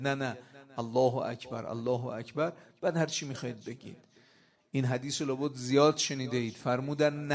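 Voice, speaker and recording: A man preaching a sermon with passion, rising loud on quoted Arabic and key points. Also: mid-range voice, gravelly.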